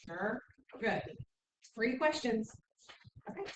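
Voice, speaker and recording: A woman teaching a middle school math class, briskly explaining steps and checking in with "okay?" often. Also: a little high, lively intonation. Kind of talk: classroom instruction. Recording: echoey room, mic far off, faint noise.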